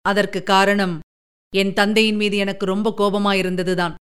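A woman voicing a calm, patient emperor speaking gently to his daughter. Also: medium pitch, moderate pace, smooth, lightly acted. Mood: reassuring. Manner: gentle, soothing, reasoning.

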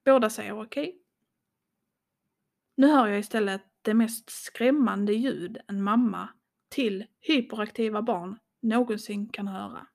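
A woman reading a first-person horror story in slow, dramatic tones, dropping to a hush at tense moments. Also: mid-range voice. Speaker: podcast host and storyteller.

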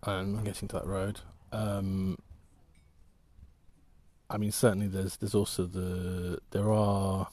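A man talking casually while out walking, rambling in halting, restarting sentences as he thinks aloud. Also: low voice, flat delivery, warm tone. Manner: rambling, halting, many restarts and trailing thoughts. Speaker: walking vlogger and artist.

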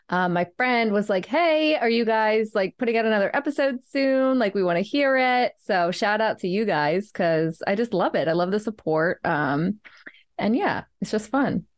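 Young woman on a podcast, bubbly and chatty, laughs a lot. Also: on the low side. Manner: upbeat, chatty, laughs often. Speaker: podcast co-host. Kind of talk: casual chat.

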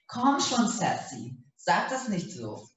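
A man voicing a timid, soft-spoken young woman roommate who talks in a hesitant, placating way, read in an audiobook. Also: sits high, wildly swooping pitch, slow pace, recorded from a distance, pitched above the performer's own voice, heavily acted. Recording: very echoey room.

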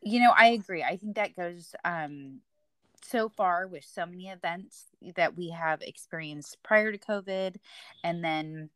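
A woman's voice: fairly low pitch, a little slow, a bit bright, no echo. A woman with an American accent hosting a conversational interview in an encouraging, affirming way. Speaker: podcast host.

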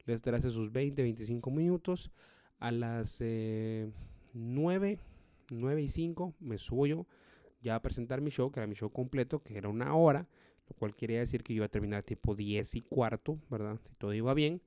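A man, a stand-up comedian telling a story in a profane, animated way. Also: mid-range voice, normal speed, clean tone, no echo, clean studio sound. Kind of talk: storytelling monologue.

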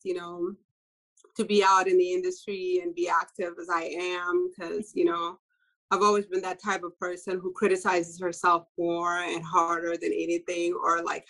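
Soft-spoken woman from Ethiopia, laughing often. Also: fairly low pitch, level tone, moderate pace, poor audio. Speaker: fashion designer guest. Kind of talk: casual interview answers.

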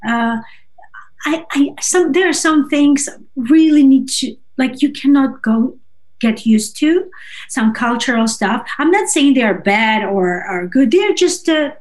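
A singer-songwriter is the guest in a casual, conversational interview, and her high voice is expressive. She speaks haltingly, hunting for words and checking in with "right?", since her first languages are Russian and Georgian.

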